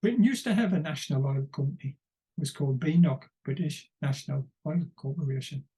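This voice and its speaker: Brief: male commentator, slightly high, mellow tone, rambling wry monologue. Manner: rambling and wry, pausing to search for words. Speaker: political commentator. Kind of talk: unscripted political commentary.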